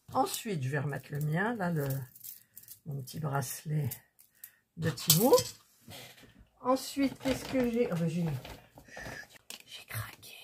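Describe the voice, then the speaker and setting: Speaking in a fairly low voice over a faint hiss or hum, a woman unpacks her recent buys and tests them out. She keeps up a chatty, casual haul conversation with her viewers while handling each item.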